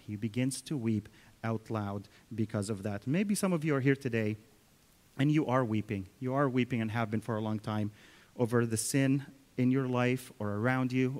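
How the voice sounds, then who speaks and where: A man's voice: medium pitch, a little mellow. A man preaching a sermon in storytelling fashion, often turning to speak to the children. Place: church. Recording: long reverb of a church hall.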